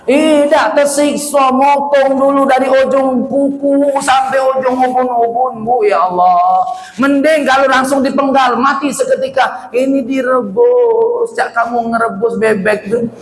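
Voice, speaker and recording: Brief: middle-aged male preacher, high-pitched and lively, animated storytelling sermon, echoey hall. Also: a little slow, slight background noise. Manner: animated, shouting at times, laughing, asking the audience questions. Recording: echoey hall, faint ambience.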